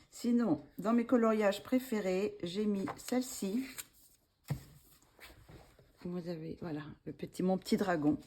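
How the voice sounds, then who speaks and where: A woman's voice: sits low, dark tone, breathy edge. A woman hosting a coloring vlog, casually showing her favorite pages with many hesitations and restarts. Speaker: coloring channel host. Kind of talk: casual show-and-tell vlog.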